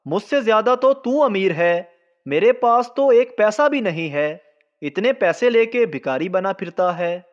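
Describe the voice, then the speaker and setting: A man's voice: high voice, expressive, measured pace, dull audio. A man voicing a scheming male Sardar in a spoken joke, in a plain storytelling way. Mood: deadpan.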